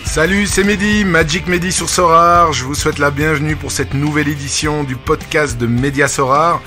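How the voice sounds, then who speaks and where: A man's voice: on the high side, fairly even intonation, moderate pace, sharp tone, faint music behind. A man hosting a podcast, introducing his guest in an upbeat, friendly way and asking questions casually. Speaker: podcast host.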